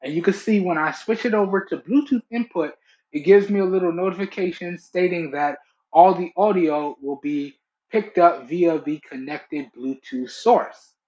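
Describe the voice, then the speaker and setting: This tech reviewer and channel host is a young adult man with a high, slightly mellow voice at normal speed. He addresses the camera casually and emphatically from a small room indoors, checking in often with "okay" and "all right." A muffled, lo-fi Bluetooth headset mic picks him up.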